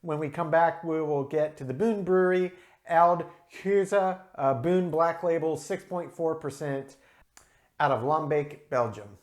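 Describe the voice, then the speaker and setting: Chatty man with a fairly high voice. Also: unhurried. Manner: chatty and explanatory, with frequent ums and uhs; careful with pronunciation, drawn out. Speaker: beer reviewer. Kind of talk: casual video review.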